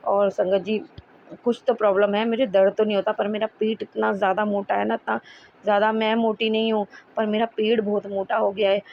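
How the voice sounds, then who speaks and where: A woman's voice: mid-range voice, level tone, brisk, vocal fry. A woman tells a devotional story in a chatty, rambling way, often stopping to correct herself mid-word. When she addresses her guru she turns earnest and pleading. The recording is dull and lo-fi, with a faint hiss underneath. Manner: chatty and rambling, with frequent self-corrections and restarts. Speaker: devotee sharing a satsang testimony. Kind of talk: casual devotional storytelling to listeners.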